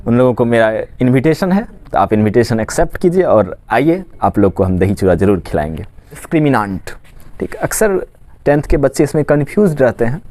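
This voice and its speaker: A man's voice: mid-range voice, darkish tone. A man from Bihar, teaching a maths lesson. He often asks a question and then answers it himself. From Khagaria, Bihar, India. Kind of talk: classroom lesson explanation.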